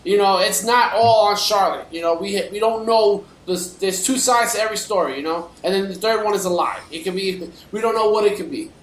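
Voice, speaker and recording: A man with a high-pitched voice hosts a casual wrestling talk podcast. He speaks conversationally, and the room around his voice is echoey. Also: brisk, hardly any pauses. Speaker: podcast host. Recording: roomy, echoey sound.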